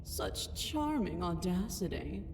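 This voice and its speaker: A woman voicing a towering godlike princess whose booming, magically amplified voice rolls slowly and imperiously through a vast hall. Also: big pitch swings. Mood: mocking. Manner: slow, imperious, condescending. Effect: booming, magically amplified voice rolling through a huge hall. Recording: long hall reverb with game music behind.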